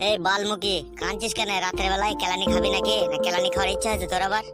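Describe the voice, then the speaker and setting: A man's voice: sits high, flat delivery, racing, lightly acted. A man playing a crude, bossy village husband. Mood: scolding. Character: rude, boastful young village husband. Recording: loud background music.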